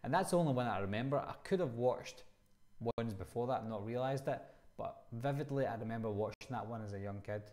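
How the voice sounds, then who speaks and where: A mid-range, darkish voice moving a little fast belongs to a man in his thirties from Glasgow, Scotland. As a livestream host, he casually reads out viewers' questions and answers them in a chatty way.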